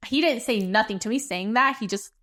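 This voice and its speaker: A woman hosting a mukbang, telling a story in an animated way, swearing and acting out what people said. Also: on the high side, a little fast. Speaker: mukbang host. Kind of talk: casual storytelling over a meal.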